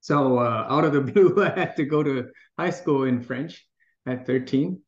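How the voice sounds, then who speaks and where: Speaking at normal speed with a medium pitch, a middle-aged Taiwanese man takes part in a casual interview as the guest. He's thoughtful, restarts a lot, and laughs easily throughout. The room is echoey and the recording sounds dull and lo-fi.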